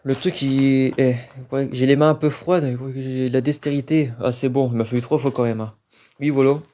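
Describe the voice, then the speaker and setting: A man talks casually into a handheld phone as he explores outdoors. His voice is dark and mellow, and he thinks aloud with frequent hesitations. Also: medium pitch, fairly even intonation, fairly quick. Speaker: urban explorer live-streaming. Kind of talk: live-stream exploration commentary. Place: outdoors at an abandoned industrial site.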